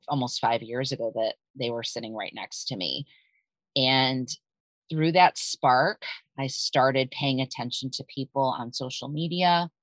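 A woman's voice: a bass voice, no room sound, poor audio. A woman in her thirties hosting a podcast, telling her own story in a candid, confiding way with frank swearing. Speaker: podcast host.

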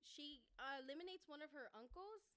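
A woman's voice: sits high, expressive, a little fast, pushed and bright. A woman co-hosting a book podcast, casually retelling a novel's plot with lots of "like" and acted-out quotes. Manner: chatty, peppered with "like" and acted-out quotes. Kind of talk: casual chat recapping a novel. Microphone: podcast microphone.

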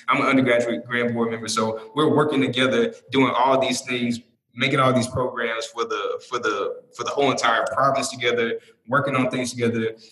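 A man's voice: mid-range voice, sharp tone. American guy w a polished broadcaster voice, chatty podcast talk, kinda echoey room. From St. Louis, United States. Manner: talkative, storytelling with tangents. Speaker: podcast guest. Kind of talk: casual conversational podcast chat. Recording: roomy, echoing sound.

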